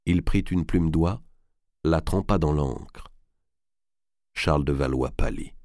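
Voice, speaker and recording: Deep-voiced male audiobook narrator. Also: takes it slowly, a little mellow, no echo, clean studio sound. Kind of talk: scripted narration.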